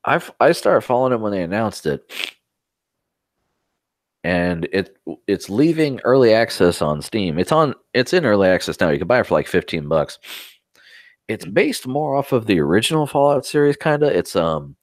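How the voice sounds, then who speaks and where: Low-voiced man rambling casually. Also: big pitch swings, normal speed, dry recording, studio quality. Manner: rambling, swears casually, tells anecdotes. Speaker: podcast co-host. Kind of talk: casual tech podcast chat.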